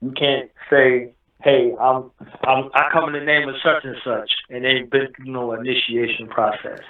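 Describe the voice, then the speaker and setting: A man from Newark, New Jersey, who grew up speaking Arabic, talks at normal speed in a medium-pitched, flat voice as a guest in a casual interview. He explains things at length and keeps asking "you understand what I'm saying". The audio sounds like a distant, echoey phone line.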